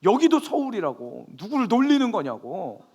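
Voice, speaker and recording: A man voicing an angry older male school guard who shouts indignantly. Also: high voice, huge pitch swings, moderate pace, muffled recording, pitched above the performer's own voice, full character voice.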